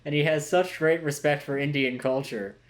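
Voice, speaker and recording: A man's voice: on the high side, steady tone, normal speed. A young man co-hosting a casual podcast, recapping episodes in a laid-back way with dry quips. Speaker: podcast co-host. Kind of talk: casual chat.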